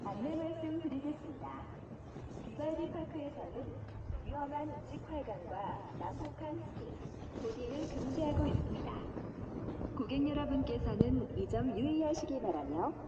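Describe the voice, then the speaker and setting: A woman making a polite, measured safety announcement over a public loudspeaker at a ski resort. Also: high voice. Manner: polite, measured, formal delivery. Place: outdoor ski slope. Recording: echoey loudspeaker heard from far off, muffled, loud outdoor noise.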